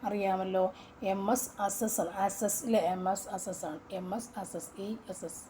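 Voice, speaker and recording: A woman's voice: mid-range voice, fairly even intonation, unhurried, dark tone, slight background noise. A woman with a Malayali accent who coaches students for exams, going through test questions in a casual way and saying each answer several times. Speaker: exam coaching teacher. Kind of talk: casual exam-question walkthrough.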